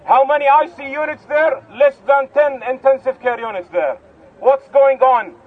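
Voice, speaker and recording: A man's voice: very high voice, normal speed. A man from Palestine speaking earnestly at an outdoor rally, often restarting his phrases. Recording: tinny lo-fi outdoor recording.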